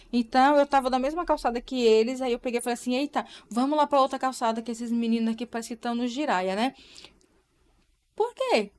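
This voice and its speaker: A woman's voice: fairly high pitch, darkish tone. Chatty woman hosting a live stream. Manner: chatty, addresses viewers with tag questions. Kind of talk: casual live-stream chat.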